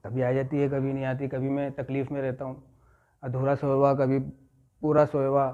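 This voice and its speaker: A man's voice: mid-range voice, completely flat delivery, fairly quick, warm tone. A man leading an addiction recovery class, telling a story as a lecture, repeating key phrases and checking in with his listeners. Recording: muffled lo-fi recording.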